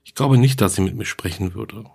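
A cool, unbothered girl with a morbid streak, as a male narrator puts her on. She speaks in a low, gravelly, husky voice. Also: a little fast, a little mellow. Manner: matter-of-fact, unbothered.

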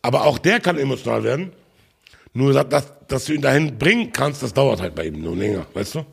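A man's voice: mid-range voice, animated, brisk, gravelly, slightly rough. A man guesting on a podcast, chatting casually and joking boisterously with a lot of laughter.

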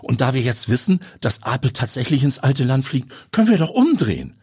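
A man voicing a nervous young woman, a police colleague, who pleads in a shrill, panicky way. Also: sing-song, brisk, a little mellow, breathy edge, no echo, clean studio sound. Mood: relieved. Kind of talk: audiobook character voice.

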